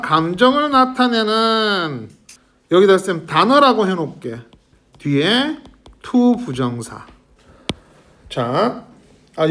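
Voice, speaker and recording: A man teaching an English grammar lesson to a middle school class, constantly quizzing his students and calling on them by name. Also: high voice. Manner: lively, questioning students constantly. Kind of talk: classroom lecture.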